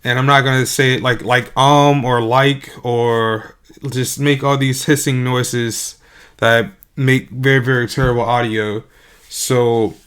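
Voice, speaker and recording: A man's voice: medium pitch, fairly bright tone, smooth. A young man live-streaming his game development at night, sleepy, his voice a little worn, rambling and hesitant with many fillers. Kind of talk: casual live-stream talk.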